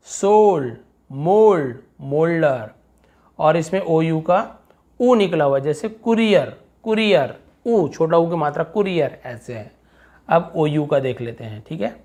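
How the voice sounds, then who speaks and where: Guy teaching english pronunciation online, kinda high voice, says the example words extra loud. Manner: reads example words aloud louder, explains in chatty asides. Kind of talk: online phonics lesson.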